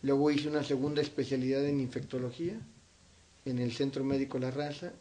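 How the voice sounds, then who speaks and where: Indoors at home, a middle-aged Zacatecas man recounts memories in a casual, conversational way as an interview guest, his accent central-northern Mexican. He speaks briskly in a medium-pitched, dark voice with a steady tone.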